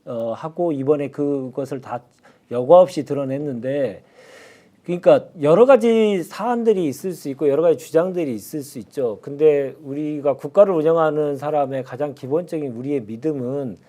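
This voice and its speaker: A man, a party spokesman on a political talk show, speaking in a measured, thoughtful way with hesitant fillers. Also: on the high side, mellow.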